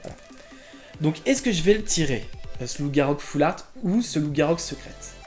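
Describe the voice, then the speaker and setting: A man's voice: a little high, animated, normal speed, darkish tone, soft background music. Chatty man opening trading cards. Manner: chatty, addresses viewers as friends, many fillers. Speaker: YouTube collector channel host. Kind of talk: casual chat while opening trading card packs.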